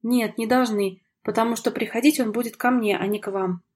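A woman voicing a self-assured young woman in an audiobook, reading her lines in a calm, weary, ironic way. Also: fairly high pitch, fairly quick, husky.

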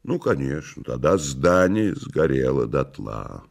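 A man playing an imperious, cold and weary male devil who speaks slowly, curtly and sardonically. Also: rumbling low, big pitch swings, gravelly, voice pushed down, exaggerated voice. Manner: slow, curt, sardonic.

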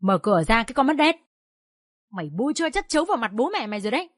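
A woman voicing a hot-tempered older village father who scolds harshly and yells. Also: fairly low pitch, normal speed, slightly rough. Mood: raging.

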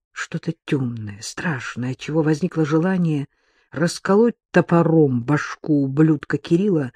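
A male audiobook narrator with a mellow, dark-toned voice, pitched somewhat high for a man. He reads at an even, measured pace. The recording is dry and close. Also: slightly rough, no room sound. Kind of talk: scripted narration.

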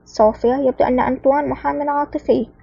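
A woman reading the lines of a calm, cool-headed male spy hero in an audiobook, speaking firmly and wryly. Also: fairly high pitch, rapid-fire, breathy edge, dry recording, muffled recording. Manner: calm, firm, wry.

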